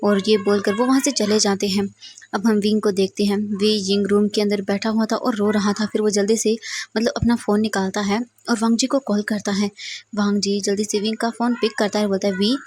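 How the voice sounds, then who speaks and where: A woman narrating a fan fiction story in a steady, plain storytelling style. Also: mid-range voice, brisk, a little hiss or hum. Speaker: fanfiction storyteller.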